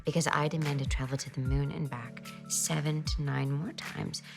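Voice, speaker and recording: A bold seductress in a TV drama, purring in a low, gravelly voice. She teases in breathy, half-whispered phrases. Soft music hums underneath. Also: fairly even intonation, normal speed. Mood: seductive. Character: bold seductive woman, former flame of a lawyer.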